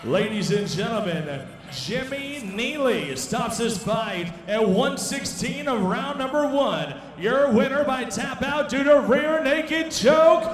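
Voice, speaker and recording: A man announcing the fight winner as ring announcer, with a drawn-out, booming delivery. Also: expressive, faint music behind. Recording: echoey arena hall from far off.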